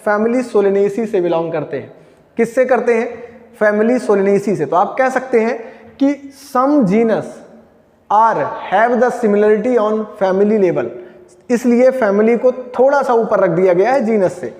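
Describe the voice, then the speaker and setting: A man's voice: high voice, animated, slow, darkish tone. A male biology teacher giving a classroom lecture, repeating key terms and quizzing his students. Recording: echoey room with long reverb.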